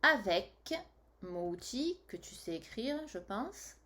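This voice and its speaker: Woman teacher, middle pitch, extremely slow word-by-word dictation for kids, spelling reminders between words. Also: sing-song, sharp tone. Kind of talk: slow dictation lesson for young children.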